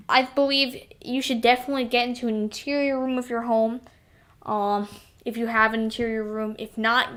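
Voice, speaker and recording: A woman with a smooth, clear voice that sits a little high reads out storm forecasts on a live stream. She often pauses and corrects herself. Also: fairly bright tone. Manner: hesitant, self-correcting, apologetic. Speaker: host of storm livestream. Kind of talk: casual live weather commentary.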